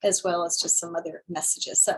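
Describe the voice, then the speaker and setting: A woman's voice: lowish voice, level tone, brisk. A woman hosting her own channel, chatting upbeat about her services and social media. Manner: chatty, upbeat self-promotion. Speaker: host. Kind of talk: casual channel intro.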